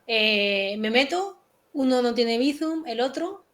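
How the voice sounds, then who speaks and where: A woman's voice: on the high side, expressive, slow, a bit bright. A woman, a guest in a casual interview, telling a story and quoting what she and others said. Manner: chatty, quotes herself and others in stories. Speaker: guest, pentester.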